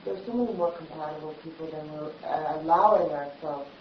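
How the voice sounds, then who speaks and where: A woman's voice: low-pitched, fairly quick, a little hiss or hum. A woman chatting casually, agreeing readily and telling a story with animation. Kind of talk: casual conversation. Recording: distant mic, echoey room, lo-fi.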